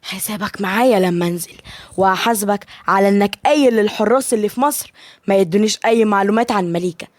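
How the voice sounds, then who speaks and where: A woman with an Egyptian Arabic accent voicing a protective, loyal young man, steady and reassuring. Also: medium pitch, quick pace, no echo, clean studio sound, close to an everyday voice. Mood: defiant. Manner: steady, reassuring, provoking on the phone.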